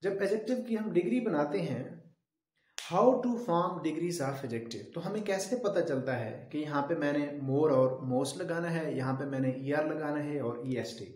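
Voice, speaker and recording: A male English teacher gives a classroom grammar lecture, explaining step by step and answering his own questions. His voice is on the high side and a little mellow, moving at a moderate pace with hardly any pauses, in a very echoey room.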